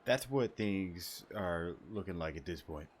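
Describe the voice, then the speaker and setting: A man's voice: low-pitched, lively intonation, unhurried, a little hiss or hum. A man giving casual, joking playthrough commentary as a gaming streamer, often in muttered asides. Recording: game music behind the voice.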